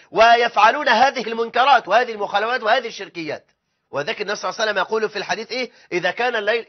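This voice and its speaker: A man preaching a sermon in an Egyptian Arabic accent, impassioned and emphatic, stressing his points with oaths. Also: high voice. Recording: dull lo-fi recording.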